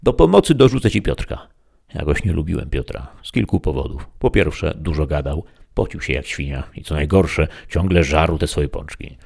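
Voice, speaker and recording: A man's voice: a bass voice, moderate pace, gravelly, few pauses, a little mellow, slightly rough. A man narrating a first-person story in a wry, sardonic manner.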